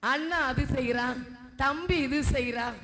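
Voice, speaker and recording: A woman's voice: high-pitched, a little slow, pushed and bright. A woman preacher, delivering a sermon and scolding the congregation with rhetorical questions. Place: church hall. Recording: long hall reverb.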